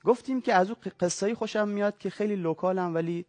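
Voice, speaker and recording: Thoughtful male guest with a slightly high voice, reads aloud on a talk show, dry close sound. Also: darkish tone, no room sound. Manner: reflective, measured literary talk.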